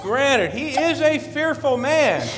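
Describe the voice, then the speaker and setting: Casting: man as a stuffy, stammering merchant with a high voice that swings dramatically. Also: big pitch swings, takes it slowly, fairly bright tone, soft background music, heavily acted. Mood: flustered. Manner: stiffly formal, dramatic and flustered, stammering. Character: fussy, formal small-town male merchant, easily flustered. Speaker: store owner Mister Barnum. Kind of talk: community theater stage acting. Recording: live stage audio in an echoing hall.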